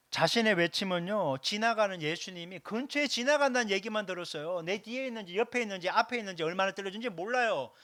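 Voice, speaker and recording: In a dry, close recording, a male pastor gives a Sunday sermon, his bright, high-pitched voice ranging widely up and down. He drives home key phrases by repeating them and addresses questions straight to the congregation with strong emphasis.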